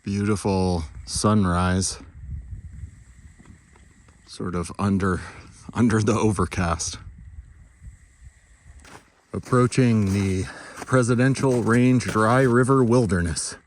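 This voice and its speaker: A man's voice: lowish voice, steady tone, takes it slowly, pauses often. A man casually narrating a winter hike and gear review in a plain-spoken way, talking outdoors while out on a snowy mountain trail. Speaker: hiking vlogger. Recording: noisy outdoor ambience around the voice.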